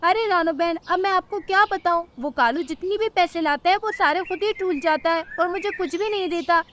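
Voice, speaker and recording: A woman's voice: very high voice, moderate pace, a bit bright. A woman voicing a scheming, greedy female crow in a cartoon, whining and haughty by turns. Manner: whining, then haughty and scornful.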